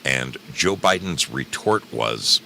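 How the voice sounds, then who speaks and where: A man with a rumbling low, gravelly voice, pushed and bright, speaks slowly and expressively over a little hiss or hum. He hosts an online radio program, delivering a rambling, casual monologue to his live stream audience, jokey and theatrical, repeating phrases for emphasis.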